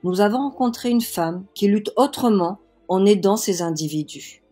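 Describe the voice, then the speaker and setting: A woman's voice: medium pitch, expressive, moderate pace, dark tone, slightly rough, faint music behind. A woman reading scripted news narration.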